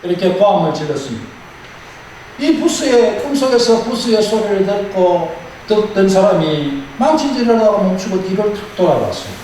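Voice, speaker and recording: A man's voice: high-pitched, normal speed. A male pastor giving a sermon, emphatic and repeating key phrases, telling stories with animation. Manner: animated storyteller. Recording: very echoey hall, far-off mic, faint noise.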